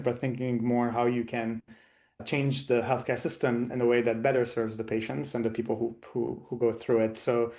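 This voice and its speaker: Lebanese-born physician, halting thoughtful talk. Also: male voice, mid-range voice, a little mellow. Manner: thoughtful, frequent restarts and repeated words. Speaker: physician guest. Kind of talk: interview answers.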